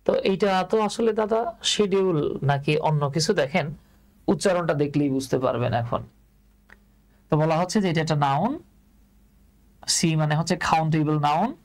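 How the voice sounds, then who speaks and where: A Bangladeshi English teacher with a somewhat high-pitched male voice leads an online class. He goes over each point twice, tosses questions at his students and calls them dear. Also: normal speed, long pauses, low-quality recording. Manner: repeats phrases and quizzes students.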